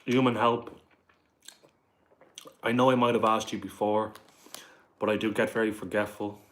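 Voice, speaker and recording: A livestream host from Dublin, Ireland, speaks in a level tone on the low side at a moderate pace. He reads viewers' questions aloud and answers casually, peppering his replies with "like" and "bro."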